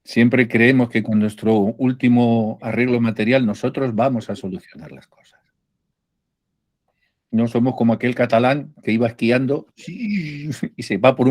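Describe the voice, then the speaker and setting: A middle-aged man from leads a spiritual class, preaching in an emphatic, unhurried way. His voice sits at a medium pitch for a man. The recording is dry and close, with almost no room echo. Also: darkish tone. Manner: slow, emphatic preaching with humor. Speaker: spiritual teacher.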